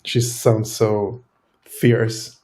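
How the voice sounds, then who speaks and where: A man's voice: fairly low pitch, flat delivery, extremely slow, a little mellow. A man, a musician in a band, talking casually in an interview and hesitating often with fillers. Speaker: band member.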